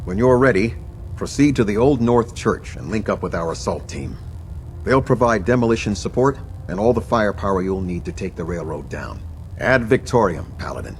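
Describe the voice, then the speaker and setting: A coolly ruthless military captain from a video game, with a deep voice. He briefs formally and with grave authority, over a faint hum. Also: animated, moderate pace. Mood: grave, resolute. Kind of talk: scripted video game dialogue.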